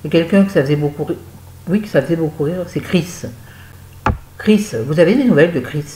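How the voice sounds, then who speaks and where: A woman's voice: low voice, a little fast, dark tone, reverberant, poor audio. A woman giving a chatty, digressive spoken book review, talking straight to her viewers.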